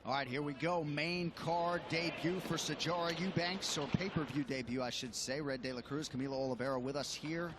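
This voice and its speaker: A man's voice: fairly high pitch, steady tone, a little fast, few pauses, noisy background. A man doing play-by-play on a live fight broadcast in a polished, articulate way. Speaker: play-by-play commentator. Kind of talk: live sports commentary.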